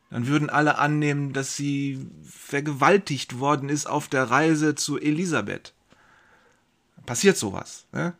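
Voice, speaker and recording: A man's voice: a little high, a bit bright, exaggerated voice. A man playing a pious, anxious young carpenter, telling his story in first person with emotional swings between brooding and outbursts.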